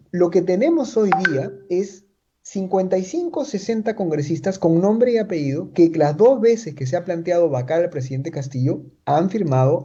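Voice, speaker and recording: A man's voice: sits high, warm tone, husky, dull audio. A man from Chiclayo, Peru, with a Peruvian Spanish accent, giving political commentary as an analyst in an interview. He talks emphatically, repeats his points and tags them with rhetorical questions.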